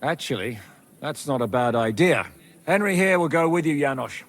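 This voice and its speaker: A brisk game captain, commanding and clear, somewhat high voice. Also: male voice, lively intonation. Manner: commanding, briefing a plan. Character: brisk male captain giving orders. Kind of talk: video game cutscene acting.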